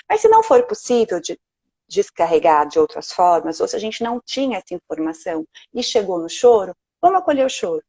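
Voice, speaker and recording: A woman with a Brazilian Portuguese accent, a sleep consultant speaking gently and reassuringly on a live video call. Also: medium pitch, no echo, muffled recording.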